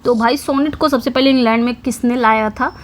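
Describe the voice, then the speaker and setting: A woman teaching English literature for exams, explaining each question in Hindi and reading the English slowly, repeating key words as she writes on a board. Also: a little high, fairly even intonation. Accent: Indian English. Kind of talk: exam-prep lesson.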